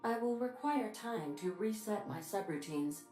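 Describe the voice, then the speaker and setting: A polite ship-computer AI. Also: female voice, medium pitch, measured pace. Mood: formal. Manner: formal, precise, politely deadpan. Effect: computer processing voice of a ship AI. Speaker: ship computer in a video game. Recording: roomy game audio with faint music.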